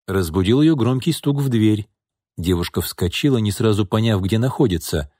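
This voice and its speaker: A man reading a story as an audiobook narrator, in a steady storytelling manner. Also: on the low side, normal speed, no room sound, clean studio sound.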